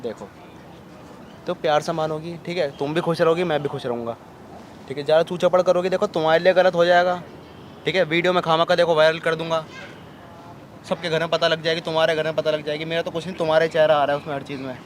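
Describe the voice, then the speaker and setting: A man's voice: on the high side, level tone, fast, slight background noise, close to an everyday voice. A man playing a pushy blackmailing house owner. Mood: menacing. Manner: coaxing then bullying, calls everything drama. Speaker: employer of a maid. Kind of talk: Hindi short-film acting. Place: outdoors in a town.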